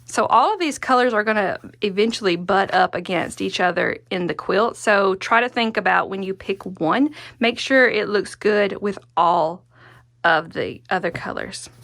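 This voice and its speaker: Lady doing a laid-back craft tutorial, chatty, kinda musing to herself, mid pitch, really dry sound. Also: moderate pace, vocal fry, fairly bright tone, no room sound. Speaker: quilting instructor and host. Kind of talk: casual hands-on craft tutorial, thinking aloud.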